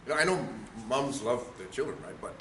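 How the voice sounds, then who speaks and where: A male trainer lectures a room, punching key words and checking in with "okay?" and "right?". His voice is bright and forceful. The sound is roomy with a faint hiss behind it. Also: medium pitch, animated, a little fast. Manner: emphatic, asks the room questions. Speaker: speaking trainer. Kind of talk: workshop lecture. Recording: echoey room, faint noise.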